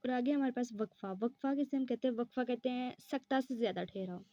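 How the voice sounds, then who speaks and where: A woman's voice: on the high side, a little fast, warm tone, highs cut off. A woman teaching an exam-prep lesson, explaining step by step and answering her own questions.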